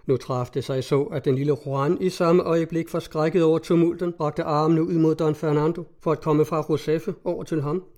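A man narrating classic prose in a measured, formal audiobook reading. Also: on the high side, steady tone, a little mellow.

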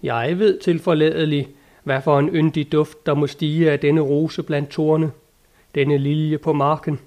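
A man's voice: on the high side, fairly even intonation, a little mellow, natural voice. A man voicing an ardent, lofty old knight in an audiobook, speaking in a grand, old-fashioned and eager way. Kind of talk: audiobook character reading.

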